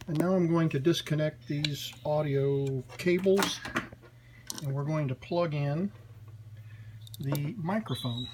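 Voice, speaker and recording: A man giving an unscripted hands-on demonstration in a small workshop, in a halting, deliberate manner. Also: on the high side. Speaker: demonstrator of a vintage wire recorder. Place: small cluttered indoor workshop. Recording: noisy, with steady electrical hum.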